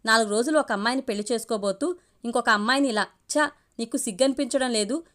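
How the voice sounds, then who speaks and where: A woman's voice: a little high, fast talker, fairly bright tone, close to an everyday voice. A woman voicing an angry, indignant young woman who scolds sharply, in a story reading. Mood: furious.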